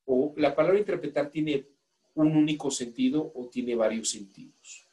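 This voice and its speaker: A man's voice: a little high, moderate pace, warm tone. A man with a Mexican accent teaching a law class, asking the students questions and coaxing volunteers to read aloud. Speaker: law course instructor. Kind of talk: classroom lecture.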